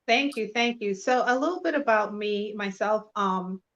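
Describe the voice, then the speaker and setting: A woman from Trinidad and Tobago, a guest in an interview, speaking in a measured, sincere way with frequent pauses. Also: medium pitch, a bit bright, dull audio. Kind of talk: personal testimony in an interview.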